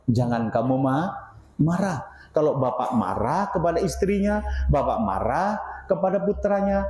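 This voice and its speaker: Older male preacher, fairly high, mellow voice, animated rhetorical sermon, echoey mosque hall. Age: 60s. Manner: animated, rhetorical questions to the congregation, swings between loud and low. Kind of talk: mosque study-circle sermon.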